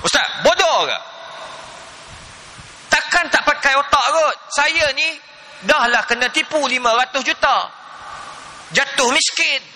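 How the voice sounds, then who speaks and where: A man putting on an arrogant millionaire, bankrupt yet still proud, who scoffs and snaps in bright, sharp bursts. The voice booms back from a large hall. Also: lively intonation, a little slow, long pauses, heavily acted. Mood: indignant. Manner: scornful, indignant outbursts. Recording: reverberant hall.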